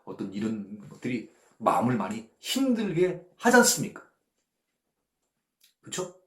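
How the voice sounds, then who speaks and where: A male pastor leading a Bible study with a lively voice that swings widely in pitch. He keeps asking his listeners if they follow, and now and then he acts out voices and sounds. The room around him is echoey. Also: a little slow. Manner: asks the audience "예?" and "그쵸?" to check they follow.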